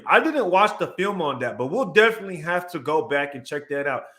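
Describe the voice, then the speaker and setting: Excited man breaking down game film. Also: fairly high pitch. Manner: reads out chat messages and gives shout-outs. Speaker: show host. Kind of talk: casual livestream commentary.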